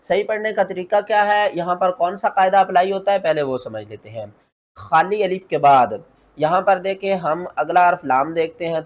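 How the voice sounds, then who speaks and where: A man with a notably high voice gives a recitation lesson. He explains each rule patiently, one step at a time, asks himself what to do next, and then slowly draws out the recited examples. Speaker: Quran tajweed teacher.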